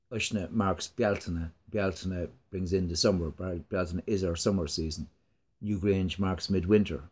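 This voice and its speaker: A man with an Irish Midlands accent, a lilting storyteller and tour guide explaining things in an interview with unhurried pauses. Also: sits low, a little mellow, husky. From Ireland.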